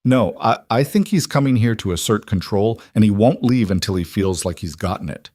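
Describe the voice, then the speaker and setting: Steady rancher husband, read by a male narrator, low and even. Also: normal speed, no echo, studio quality. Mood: level. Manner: level and plain-spoken. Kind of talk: audiobook character voice.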